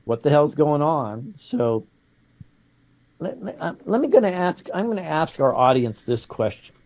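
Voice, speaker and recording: A man's voice: fairly high pitch, very animated, a little slow, a little mellow. A man hosting a political talk show, speaking straight to his audience with pointed rhetorical questions. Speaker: host.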